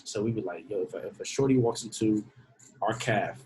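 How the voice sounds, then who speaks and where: A man in his twenties, a podcast guest in casual chat, laid-back and slangy and quick to poke fun at himself. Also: fairly low pitch, darkish tone, poor audio. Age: 20s.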